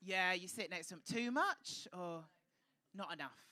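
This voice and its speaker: High-voiced camp comedy host. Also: male voice, lively intonation, measured pace, pushed and bright. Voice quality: high-pitched voice. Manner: cheeky, camp, swearing banter. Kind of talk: stand-up crowd work. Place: live comedy club stage.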